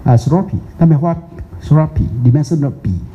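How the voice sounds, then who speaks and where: Dark-voiced older teacher. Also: male voice, a little high, slight background noise. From Taiwan. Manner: chatty, teasing, drawn-out English words. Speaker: Buddhist teacher. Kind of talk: casual dharma talk. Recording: muffled lo-fi recording.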